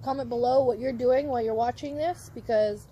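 A woman's voice: a little high, fairly quick, dark tone, slight background noise. A woman hosting a casual vlog outdoors, chatting and asking viewers to like and subscribe. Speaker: vlog host. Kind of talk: casual chat.

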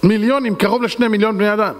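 A man's voice: high voice, fairly even intonation, in a large hall. A man preaching a sermon as a rabbi, fervent and dramatic, acting out the voices he quotes.

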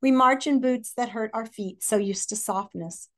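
A read-aloud presenter, a middle-aged woman with an American accent, brings a picture book to life from her living room, pausing teacher-style to question young listeners. Her voice is on the high side and fairly bright.

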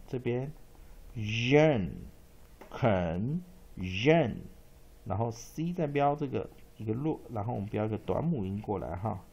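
Gravelly-voiced man teaching pronunciation. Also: fairly low pitch, darkish tone, muffled recording. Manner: slow, drawn-out repetition of words and letters. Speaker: English teacher. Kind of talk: spelling and pronunciation lesson.

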